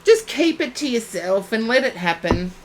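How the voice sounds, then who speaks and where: A woman's voice: fairly high pitch, very animated, normal speed, slight background noise, rough recording. A woman giving psychic readings on a live stream, chatting and addressing viewers by name. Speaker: psychic reader.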